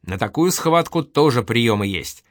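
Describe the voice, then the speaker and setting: A man's voice: medium pitch, lively intonation, a little slow, dry recording, studio quality, lightly acted. A man voicing an eager young soldier who speaks heatedly and proudly. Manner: heated, boastful.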